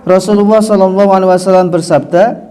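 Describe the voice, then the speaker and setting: Guy giving a chatty sermon, mellow voice a bit high, laughs a lot, asks the crowd stuff. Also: steady tone, smooth. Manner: conversational, asks rhetorical questions, chuckles often; recites Arabic slowly, then explains. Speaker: Islamic teacher.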